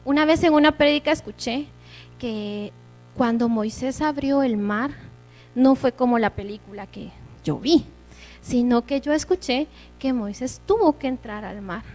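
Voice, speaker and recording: A woman's voice: a little high, unhurried, darkish tone, soft background music. A woman giving a church sermon, preaching earnestly and conversationally with personal stories.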